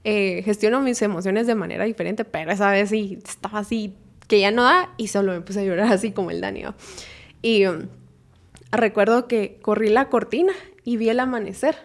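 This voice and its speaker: A woman's voice: mid-range voice, a little fast. A woman co-hosting a casual faith podcast, reflecting and explaining her thoughts. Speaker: podcast co-host.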